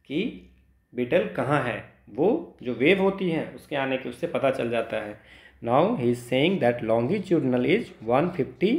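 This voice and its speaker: An Indian man walks through exam problems one step at a time, teaching in a halting tutorial manner. He blends Hindi with English and frequently tosses in little check-in tags. His pitch sits in the medium range.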